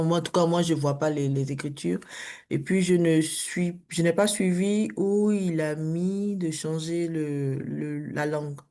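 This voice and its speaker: A woman joins an online class over a video call. Her voice is mellow and relaxed. She speaks haltingly, stopping and restarting as she politely asks for help. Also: sits low. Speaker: workshop participant.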